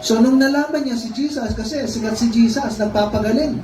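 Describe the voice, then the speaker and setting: A man's voice: very high-pitched, a little fast. A man with a Filipino accent preaching a sermon to a congregation, questioning them and acting out the blind man's cries. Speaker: pastor. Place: church hall. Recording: echoey room, far from mic, noisy.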